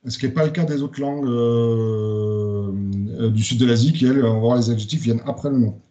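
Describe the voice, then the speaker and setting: A man's voice: medium pitch, fairly quick, warm tone, muffled recording. A man giving a spoken lecture presentation, hesitant, with many fillers and restarts.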